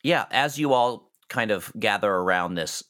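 A man's voice: fairly low pitch, animated, normal speed, fairly bright tone, no echo, studio quality. A man narrating a tabletop game as game master, casual and laughing often.

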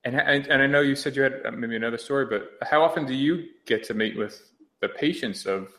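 A male podcast host with a middle-pitched voice introduces an interview. He speaks haltingly, repeating words as he frames his questions. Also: pushed and bright.

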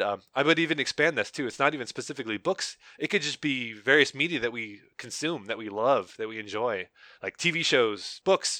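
A young man co-hosting a podcast, talking quickly in a bright, lively voice. He rambles and jokes, and keeps correcting himself mid-sentence. The sound is close and dry. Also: mid-range voice, no room sound. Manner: rambling, self-correcting, jokey. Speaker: podcast co-host. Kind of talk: casual chat.

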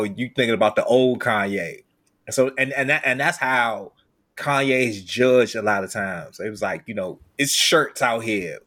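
A man on a podcast panel talking in a relaxed, chatty way about an artist's work. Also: mid-range voice. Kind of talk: casual podcast discussion.

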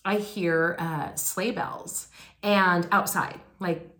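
A woman's voice: fairly low pitch, fairly even intonation, drawn-out words, a bit bright. A woman in her forties gives a sermon by telling a personal story, speaking candidly and chattily with lots of "like" and "um". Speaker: pastor. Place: church sanctuary. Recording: roomy echoing hall.

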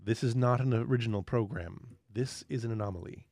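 A man voicing a calm female computer core AI in a tabletop game, with flat, clipped machine phrasing. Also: medium pitch, a little fast, dry recording, studio quality, natural voice. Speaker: game master.

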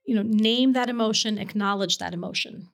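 A woman physician co-hosting a podcast, explaining communication tools in a calm, measured teaching manner. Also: medium pitch, vocal fry. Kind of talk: casual conversational teaching.

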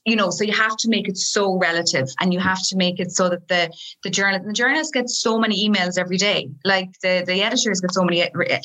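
A woman's voice: fairly low pitch, pushed and bright, poor audio. A woman with a west of Ireland accent talking conversationally as an interview guest, emphatic and repeating phrases for stress. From Galway, Ireland. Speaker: guest, PR professional.

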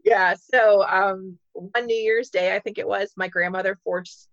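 A playful woman comedian trades stories in a relaxed podcast chat and laughs easily. Her voice sits in a middle pitch and is recorded dry, with a dull, slightly lo-fi sound. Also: a little slow, no room sound. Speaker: comedian guest.

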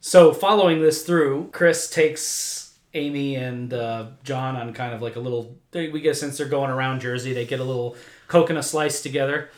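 A man's voice: medium pitch, moderate pace. A man in his thirties co-hosting a podcast, chatting casually and animatedly, swearing freely and laughing often. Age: 30s. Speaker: podcast co-host. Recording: roomy echo.

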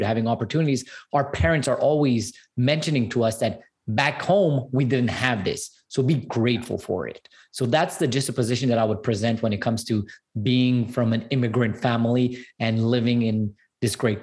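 A man's voice: mid-range voice, darkish tone. Earnest upbeat man from Canada. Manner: earnest and upbeat, repeats himself for emphasis. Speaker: guest entrepreneur and speaker. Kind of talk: casual interview storytelling.

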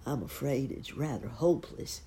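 A woman voicing a gentle, humble male pig who thinks he is ugly, speaking modestly and plainly. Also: rumbling low, animated, moderate pace, slight background noise.

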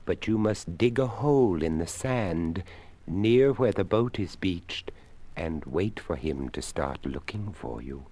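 A man voicing a polite, courtly old skeleton who speaks formally and gently. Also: sits low, expressive, takes it slowly, exaggerated voice. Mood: courteous.

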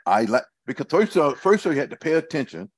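A man's voice: a little high, very animated, fast, breathy edge, no echo. Rambling man in casual chat. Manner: rambling, repeats himself, loose grammar.

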